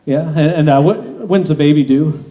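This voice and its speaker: A man's voice: on the high side, moderate pace, dark tone. A man hosting a live stage hypnosis show, giving instructions to volunteers conversationally and repeating his phrases, over an amplified mic. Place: open-sided pavilion stage at night.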